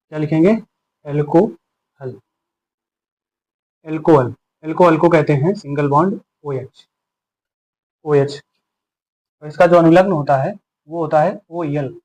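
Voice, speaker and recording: A man's voice: fairly high pitch, darkish tone, rough recording. A man teaching a chemistry lesson. He explains patiently, asking questions and answering them himself. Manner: patient, asks and answers his own questions.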